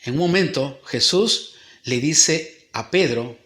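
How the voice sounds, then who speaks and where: A man's voice: on the high side, expressive, slow pace, sharp tone. Preaching man in an echoey church. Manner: emphatic preaching with repeated phrases. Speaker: pastor. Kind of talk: sermon. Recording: roomy echo with faint music.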